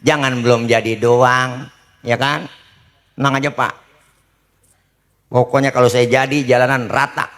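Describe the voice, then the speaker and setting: Bright-voiced joking man preacher. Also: mid-range voice, a little slow, long pauses. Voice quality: bright, lively, joking, asks the crowd for agreement. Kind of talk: comic sermon.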